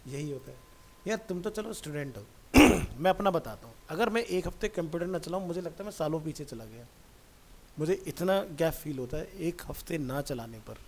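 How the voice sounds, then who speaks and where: A man's voice: on the high side, brisk, vocal fry. A man teaching a computer class in a casual, chatty way, talking straight to a student and drifting off into stories. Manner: chatty, digressive, addresses student directly.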